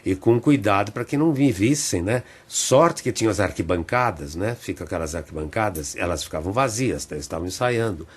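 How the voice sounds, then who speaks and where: An older theatre director, a guest in a radio studio interview, reflects on his career through slow, unhurried stories. His low, husky voice has lively intonation, and he often tosses in small tag questions as he reminisces.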